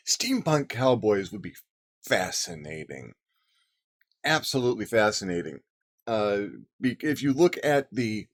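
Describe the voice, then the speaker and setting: A man's voice: fairly low pitch, fairly bright tone. A man hosting a casual, rambling monologue about game ideas, with many fillers and restarts. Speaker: host. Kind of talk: casual monologue on tabletop gaming.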